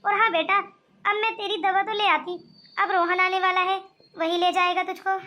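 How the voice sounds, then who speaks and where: A woman's voice: very high-pitched, fairly even intonation, normal speed, bright, forceful tone, lo-fi sound, a little hiss or hum. A woman voicing an older, bossy mother-in-law in a cartoon, who talks in a scheming, commanding way. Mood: warm. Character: older mother-in-law, sharp-tongued turned kind. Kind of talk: cartoon voice acting.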